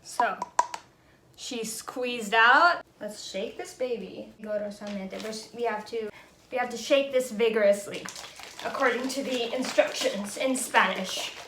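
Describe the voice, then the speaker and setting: A young woman from the Philippines, a beauty vlogger who grew up speaking Tagalog and English, narrates a casual vlog at home with frequent little laughs as she thinks aloud. Her voice sits on the high side and her pace is measured. The audio has reverb and a noisy background.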